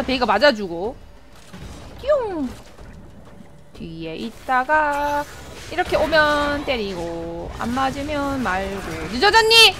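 Excitable high-voiced woman streaming a game. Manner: excitable, yelps and laughs at plays. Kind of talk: live gameplay commentary.

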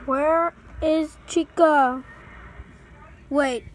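A woman's voice: high voice, fairly even intonation, very slow, low-quality recording. A woman giving nervous let's play commentary, sounding scared and pleading with her fans. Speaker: gaming channel host.

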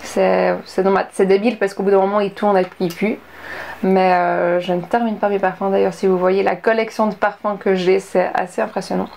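Chatty young woman, slightly gravelly. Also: medium pitch, flat delivery, a little fast, a little mellow, a little hiss or hum. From Switzerland. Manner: chatty, many fillers and asides. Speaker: beauty vlogger. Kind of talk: casual product review vlog.

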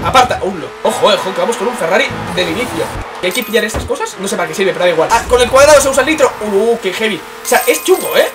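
Excited man over loud game music. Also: sits high. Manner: exclaiming, lively, casual slang. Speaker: gaming youtuber. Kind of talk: excited gameplay commentary.

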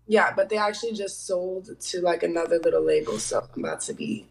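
A woman's voice: lowish voice, huge pitch swings, a little fast, gravelly, rough recording. A woman on a video date show, chatting in a frank, laid-back way and swearing casually. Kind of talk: casual chat.

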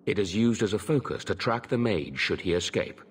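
An actor playing an earnest, stern, honorable knight in a video game, speaking formally and gravely. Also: male voice, fairly low pitch, lively intonation, moderate pace.

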